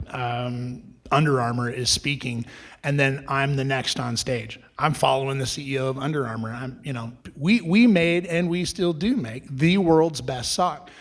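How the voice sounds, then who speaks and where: A middle-aged man, an entrepreneur guest, telling his business story at a live event in a lively, conversational way, often restarting and acting out quoted dialogue. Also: medium pitch, moderate pace.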